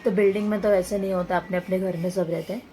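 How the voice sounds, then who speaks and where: A woman films a casual home vlog in her apartment. She coaxes her small child with gentle questions. Her pitch sits at an ordinary middle level, and a faint hiss runs underneath. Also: fairly even intonation, quick pace. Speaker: vlogger.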